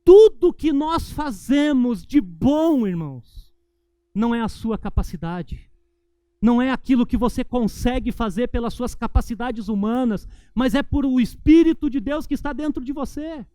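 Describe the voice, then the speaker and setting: A man with a Brazilian Portuguese accent, a pastor preaching a sermon and slowing down for emphatic points. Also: extremely high pitch, mellow, dry recording. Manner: preaching with emphatic, slowed climaxes.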